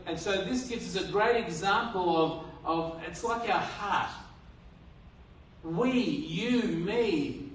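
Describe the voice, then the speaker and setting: An Australian pastor with a high-pitched voice preaches an earnest sermon in a church hall, posing rhetorical questions and restarting phrases. He uses a handheld mic, but the recording is roomy and distant, with a little hiss or hum.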